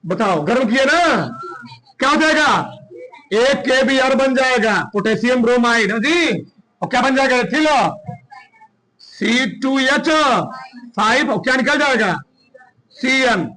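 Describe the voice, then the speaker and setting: A man teaching a class, firing short questions at his students one after another. His voice sits very high and rings bright and forceful. He drills the class in a lively, commanding way. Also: poor audio. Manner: quizzing students with rapid questions. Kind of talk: classroom chemistry lesson.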